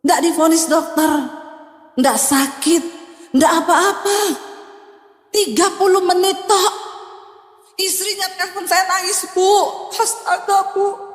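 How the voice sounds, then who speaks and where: A woman pastor preaching a sermon with a Javanese-tinged accent, animated and chatty, swinging between loud exclamations and hushed lines, with joking asides. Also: very high-pitched, slow, long pauses. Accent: Indonesian with Javanese touches. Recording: echoey church hall with music.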